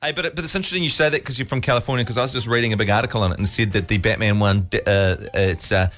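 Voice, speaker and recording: A man's voice: lowish voice, fairly bright tone, soft background music. A man with a New Zealand accent hosting a breakfast radio show, joking and laughing through playful banter. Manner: playful, laughs often, quick asides.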